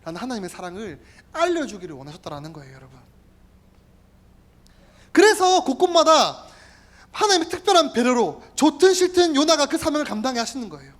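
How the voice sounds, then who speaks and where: Earnest male pastor with lively pitch. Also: very fast, hardly any pauses. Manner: earnest, exhorting, repeatedly addresses the listeners. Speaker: youth group pastor. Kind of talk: sermon. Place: church. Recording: instrumental music playing behind.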